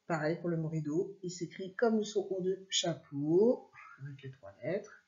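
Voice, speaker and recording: A woman teacher reads a dictation aloud for young pupils, drawing each word out with great deliberation. Her lowish voice rises and falls a lot as she guides them. The recording sounds dull and lo-fi. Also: expressive, moderate pace, warm tone. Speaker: primary school teacher. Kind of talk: dictation lesson for young children.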